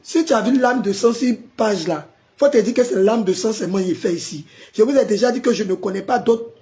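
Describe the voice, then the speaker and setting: A pastor hosting a live stream, hoarse from a sore throat and forcing his voice out as he chats with viewers and answers their comments. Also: high-pitched, fairly quick, dark tone. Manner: chatty, greets viewers by name and answers comments.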